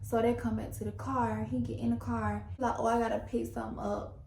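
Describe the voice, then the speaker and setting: Young woman spilling a storytime, kinda high voice, echoey room, faint hiss. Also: brisk, gravelly. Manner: animated, slangy, acts out quotes. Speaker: vlogger. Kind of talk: casual storytime narration.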